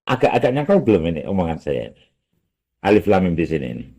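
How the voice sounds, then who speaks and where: Husky, animated man teaching. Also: deep voice, fast. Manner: animated, acts out quoted speech, mixes in local phrases. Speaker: Quran teacher at an Islamic boarding school. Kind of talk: Quran commentary lesson.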